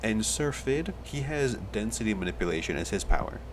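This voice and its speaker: A man's voice: on the low side, animated, a little fast, background noise. A man running a tabletop game as game master, explaining rules and describing scenes at length.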